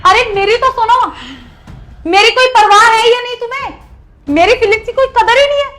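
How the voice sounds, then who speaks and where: A woman's voice: very high-pitched, moderate pace, a bit bright. A woman playing a nagging young wife who scolds her husband and keeps demanding answers. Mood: pleading hurt. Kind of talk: acted family short drama.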